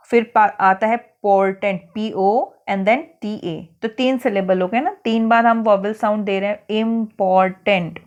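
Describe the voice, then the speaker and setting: A woman's voice: mid-range voice, darkish tone, highs cut off. A woman with an Indian accent teaching an English worksheet lesson to schoolchildren, speaking patiently and spelling words out letter by letter.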